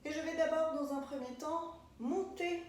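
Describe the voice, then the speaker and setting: A woman's voice: high-pitched, moderate pace, a little hiss or hum. A woman with a French accent teaching a dance class, patiently explaining moves and counting beats aloud as she dances. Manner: patient, instructive, counts steps aloud while dancing. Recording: very echoey room, voice from far off the mic.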